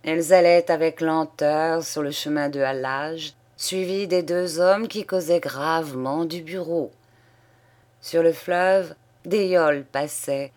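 Casting: female audiobook reader, low voice, very slow, literary. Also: a little mellow. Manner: measured, unhurried reading. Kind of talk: literary narration.

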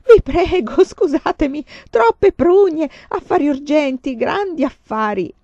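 A tall, loyal peasant man on the run, put on by a woman reading a storybook aloud, his voice lifted high and pressing in urgent, pleading bursts. He blames himself loudly. The recording is dull and dry. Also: expressive, slow pace, no echo, full character voice. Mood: mock groaning. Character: tall strong male peasant fugitive, loyal, self-blaming.

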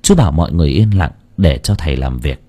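A man narrating an audio story with expressive storytelling. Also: a bass voice, fast.

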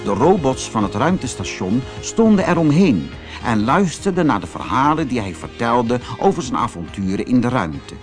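A man narrating a children's story for an audiobook, in an animated storytelling manner. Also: mid-range voice, normal speed, hardly any pauses, faint music behind. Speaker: audiobook reader. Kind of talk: fairy-tale narration for children.

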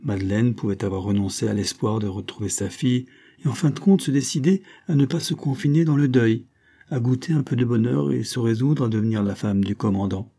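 A man reading an old serial novel aloud in a measured, steady narration. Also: mid-range voice, husky. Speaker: audiobook reader.

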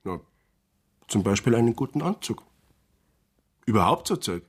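An actor playing a bitter, gruff male drifter after the war in a radio drama, husky and sullen. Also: mid-range voice, big pitch swings, moderate pace. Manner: gruff, sullen, bursts of anger.

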